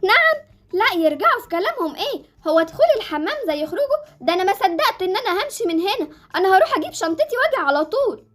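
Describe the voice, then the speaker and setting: A woman voicing a cheeky, impatient young orphan girl in a Roblox story, speaking with an Egyptian accent in a high, childlike, mouthy voice. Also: sing-song, quick pace, fairly bright tone, exaggerated voice. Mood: indignant. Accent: Egyptian Arabic.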